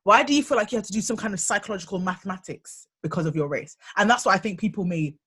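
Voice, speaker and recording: A young woman co-hosting a candid discussion podcast, talking in halting bursts with many restarts as she searches for words. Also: mid-range voice, a bit bright, slightly rough. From United Kingdom. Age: young adult. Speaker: podcast co-host.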